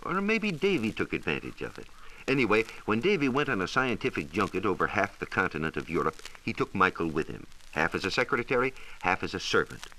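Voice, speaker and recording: A low-pitched American man with a bright, forceful voice and lively swings in intonation talks a little fast. Like a 1940s radio science reporter, he gives scripted educational narration, stressing each point emphatically. The low-quality recording is an old, hissy broadcast transcription.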